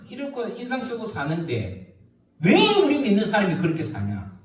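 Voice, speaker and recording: A man preaching a sermon as a pastor, telling a story with lively rhetorical questions. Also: high voice, reverberant, distant mic.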